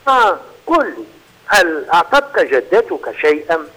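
A man's voice: fairly high pitch, sing-song, normal speed, pushed and bright, full character voice, rough recording. A man voicing a wise, cheeky male squirrel with a knowing, teasing manner.

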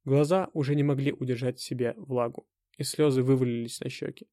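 A man narrating a dramatic audiobook in the first person, in a tense, measured way. His mid-range voice has a gravelly edge. The recording is close and dry, with no room sound. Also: mid-range voice, steady tone, mellow, no room sound.

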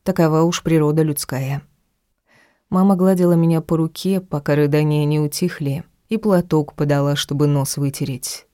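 A woman reading a first-person audiobook in a measured, intimate storytelling manner. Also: sits low, steady tone, mellow, no echo, clean studio sound. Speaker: audiobook reader.

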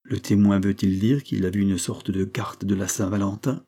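A man's voice: fairly low pitch, steady tone, normal speed, dark tone, slightly rough. A man reading a flustered, astonished judge. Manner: startled exclamations.

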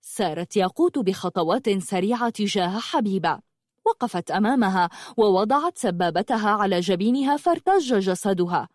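A woman narrating a fantasy story in an expressive reading style. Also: mid-range voice, moderate pace, no echo, clean studio sound.

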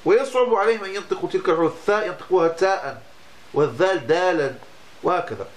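A man's voice: sits high, animated, quick pace. A man, a religious teacher giving a lesson on Islamic law, explaining patiently and often breaking off to restart a word. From Morocco.

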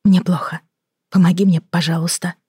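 Man doing an earnest pleading middle-aged woman, higher voice, dry sound, audiobook. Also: normal speed, darkish tone, dry recording. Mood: yearning.

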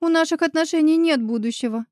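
A woman's voice: high-pitched, quick pace, darkish tone, no room sound, studio quality, voice pushed up, lightly acted. A woman voicing a heartbroken young woman who sobs as she speaks. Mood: bitter. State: sobbing. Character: tearful young woman friend, heartbroken and resigned.

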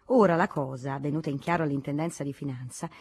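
Husky-voiced woman reading a novel. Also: sits low, faint music behind. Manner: measured, expressive reading. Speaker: audiobook reader. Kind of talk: literary audiobook narration.

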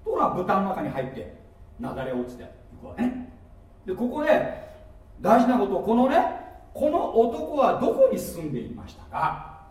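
High, lively-voiced preacher man in an echoey hall. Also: moderate pace. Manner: emphatic, asks the congregation questions. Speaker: pastor. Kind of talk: sermon. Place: church hall. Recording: echoey hall, mic set far off.

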